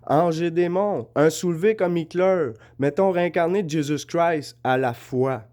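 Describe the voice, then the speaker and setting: A man's voice: on the high side, measured pace, a little mellow. A man with a Québécois French accent, rambling in a casual monologue to camera, insistently asking if he is understood while showing his notes and drawings. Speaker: vlogger.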